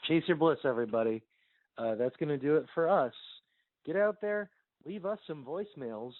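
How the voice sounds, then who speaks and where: A man's voice: on the high side, moderate pace, no room sound. Man joking on a tinny phone line. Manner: rambling, joking, relaxed. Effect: heard over a landline phone voicemail. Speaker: podcast host. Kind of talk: casual chat.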